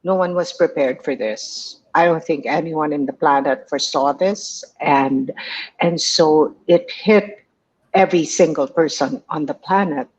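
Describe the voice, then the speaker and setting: A woman guest coach answering interview questions in a warm, chatty way, laughing often and pausing with hesitations. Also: low-pitched, highs cut off, slight background noise.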